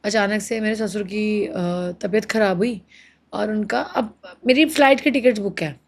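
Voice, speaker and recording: A woman's voice: medium pitch, normal speed. A woman in her thirties as an interview guest, recounting her marriage with emotion, mixing Hindi and English and acting out what others said. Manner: animated, mixes Hindi and English, quotes others in acted voices.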